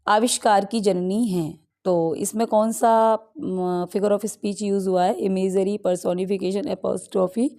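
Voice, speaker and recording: A woman with a warm, medium-pitched voice and fairly even intonation teaches English by going through an exam practice set. She explains each answer in a mix of Hindi and English, reading the options slowly.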